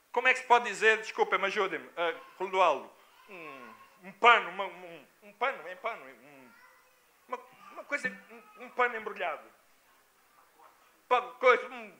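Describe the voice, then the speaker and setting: A man from Angola, a pastor telling a personal story in a sermon, emphatic and dramatic. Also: sharp tone. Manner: emphatic, dramatic, with big swings in pitch.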